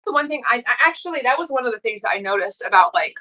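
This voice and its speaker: A woman's voice: on the high side, expressive, rapid-fire, sharp tone, rough recording. A woman co-hosting a podcast in casual chat, telling stories earnestly and emphatically. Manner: earnest, emphatic, rambling storytelling. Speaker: podcast co-host.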